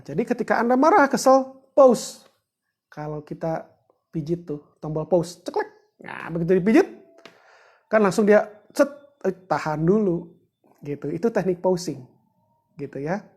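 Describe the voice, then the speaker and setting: A woman's voice: on the low side, darkish tone, slightly rough. A woman giving a chatty, joking livestreamed teaching talk, greeting viewers and walking them through steps. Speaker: book discussion presenter.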